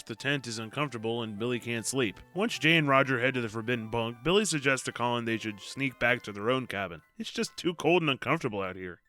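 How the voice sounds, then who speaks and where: A man's voice: mid-range voice, sharp tone. A man narrating a book summary in a scripted, wry and jokey storytelling manner. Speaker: video host summarizing books. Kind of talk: scripted narration with sarcastic asides.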